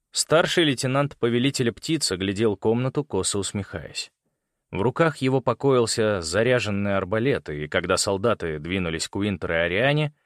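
A man's voice: on the low side, no room sound. Man reading an audiobook, dry sound. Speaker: audiobook reader. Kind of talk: scripted audiobook narration.

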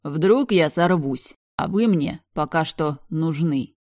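A woman voicing a commanding, menacing man who speaks in a calm, threatening, measured way, in an audiobook. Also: low voice, no echo, clean studio sound, full character voice. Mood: cold menace.

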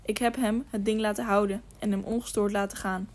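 A woman's voice: mid-range voice, flat delivery, a little fast, a little mellow, natural voice. A woman reading the lines of a surly robber chief who answers in a grumbling, sullen way.

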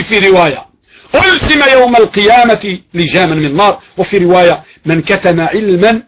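High-voiced fiery male preacher, husky, lo-fi. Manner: emphatic, repeats phrases, rhetorical questions. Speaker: sheikh, preacher. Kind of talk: fiery religious lecture. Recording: dull lo-fi recording.

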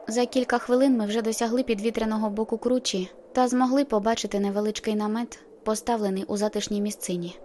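A woman narrating an audiobook in the first person, with steady, measured storytelling. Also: mid-range voice, slight background noise.

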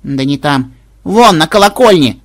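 A narrator voicing a deadpan young woman who speaks in a bored, matter-of-fact way. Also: medium pitch, unhurried, close to an everyday voice.

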